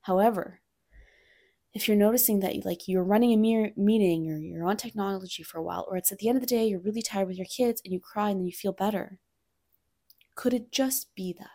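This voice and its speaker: A woman's voice: mid-range voice, brisk. A woman in her thirties hosting a podcast, speaking candidly and reflectively about her own experience, sometimes dropping almost to a whisper. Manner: candid, reflective, softens to near-whispers at times. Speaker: podcast host and coach for mothers. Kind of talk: personal solo podcast talk.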